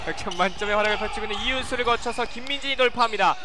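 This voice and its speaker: A man giving live basketball play-by-play, excitable and shouting when shots go in. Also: high voice, very fast. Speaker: play-by-play sports commentator. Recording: loud gym noise behind the voice. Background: basketball court ambience, bouncing ball.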